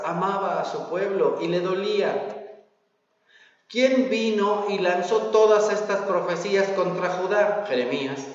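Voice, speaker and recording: Echoey Mexican pastor preaching animatedly. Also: male voice, sits high, far from the mic, muffled recording. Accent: Mexican Spanish. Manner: animated preaching with rhetorical questions and acted-out quotes. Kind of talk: sermon. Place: church hall.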